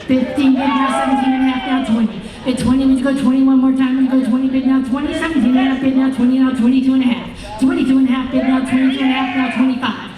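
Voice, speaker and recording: A woman auctioneer calling bids in a rapid, repetitive auction chant. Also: high-pitched, steady tone, a crowd in the background. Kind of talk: live auction bid calling. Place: echoey event stage with PA. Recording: echoey, distant PA, faint noise.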